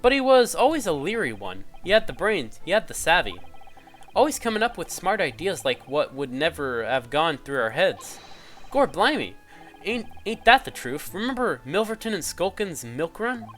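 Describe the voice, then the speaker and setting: A man's voice: on the high side, big pitch swings, moderate pace, fairly bright tone, faint music behind. A man voicing a cheeky, chatty small-time crook from a video game, with a Cockney accent and slangy talk. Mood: cheeky, nostalgic. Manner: slangy, chatty, indignant when challenged.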